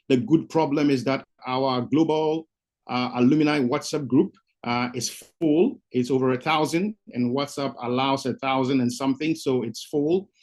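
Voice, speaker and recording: A man's voice: medium pitch, darkish tone. A man hosting an online information session, giving upbeat, repetitive updates and urging listeners as leaders over a video call. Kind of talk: motivational presentation to an online audience.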